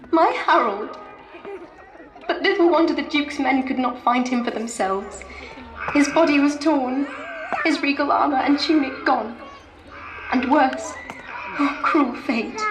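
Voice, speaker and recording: A woman's voice: mid-range voice, reverberant, background noise, lightly acted. A woman playing a grieving medieval noblewoman, speaking in solemn archaic phrasing. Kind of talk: dramatic historical monologue.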